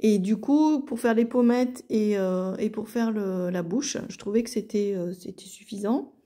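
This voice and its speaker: A French woman calmly narrating a watercolour card tutorial in a casual way, with many fillers and restarts. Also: medium pitch, measured pace. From France. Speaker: card-making artist.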